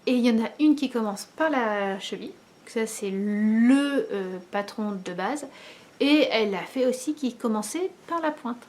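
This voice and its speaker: A woman, likely in her thirties, chatting casually to the camera at home as host of a knitting video, pausing often with many fillers. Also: fairly high pitch, animated, a little mellow. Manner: hesitant, many pauses and fillers.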